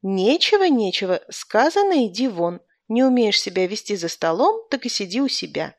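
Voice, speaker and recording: A harried housewife and mother, as a woman reader acts her out, brisk and scolding. She barks short orders. The recording is dry. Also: mid-range voice, sing-song, darkish tone, dry recording. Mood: stern.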